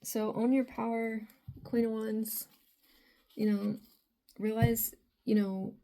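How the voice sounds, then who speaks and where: A woman with a raspy, mellow voice talks through a tarot reading for her viewers. She keeps a narrow, even pitch and wanders from thought to thought with lots of filler. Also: slow. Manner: rambling, frequent filler phrases. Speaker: tarot reader.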